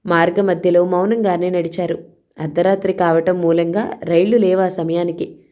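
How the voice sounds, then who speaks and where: Mellow-voiced woman narrating a crime story. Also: fairly low pitch, moderate pace. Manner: steady, dramatic reading.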